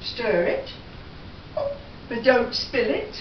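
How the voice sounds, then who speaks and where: In her kitchen at home, an older woman vlogs her breakfast preparation step by step, chatting casually and humming as she goes. She speaks very slowly at a fairly high pitch. A distant tripod camera picks her up, so the sound is echoey, dull, and noisy.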